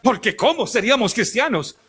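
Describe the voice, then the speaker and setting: A male missionary preacher has a strikingly high, bright voice with a breathy edge. He preaches emphatically, expressively and briskly, rising to shouts and chuckling with the congregation.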